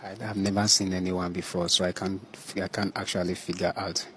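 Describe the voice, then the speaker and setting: Man, very deep and flat, stumbling through answers when questioned. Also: slight background noise. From Nigeria. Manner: hesitant, halting, stumbling answers. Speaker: pastor.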